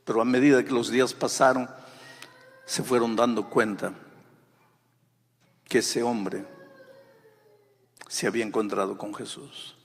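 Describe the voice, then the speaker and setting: Husky impassioned preacher in a reverberant hall. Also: male voice, mid-range voice, level tone, unhurried, pauses often. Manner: impassioned preaching, swells loud then drops to near whisper. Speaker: pastor. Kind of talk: sermon.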